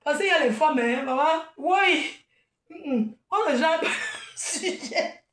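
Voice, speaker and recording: A woman rants and mocks her critics in a high voice, laughing as she goes. She sits a little off the mic, and the room echoes around her. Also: expressive, slow pace, fairly bright tone, far from the mic. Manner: combative, mocking, laughing. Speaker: event promoter. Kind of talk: live video rant.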